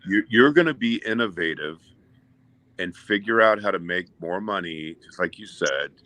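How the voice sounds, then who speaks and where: A man in his fifties speaking in casual chat, giving measured, encouraging advice. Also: sits low, animated, sharp tone, no echo. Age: 50s.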